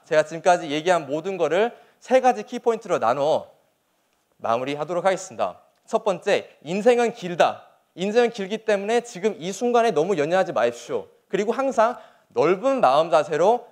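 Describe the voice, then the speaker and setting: Young male soldier as motivational speaker: high register, very lively intonation, earnest and emphatic public delivery. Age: young adult. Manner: earnest, emphatic, rhetorical questions. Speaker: soldier giving a motivational speech. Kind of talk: motivational public speech to an audience.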